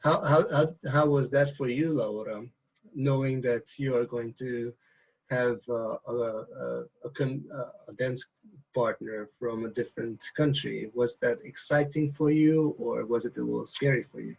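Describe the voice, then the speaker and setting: Gravelly-voiced male interviewer. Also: medium pitch, fairly even intonation, dull audio. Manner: halting questions with many restarts.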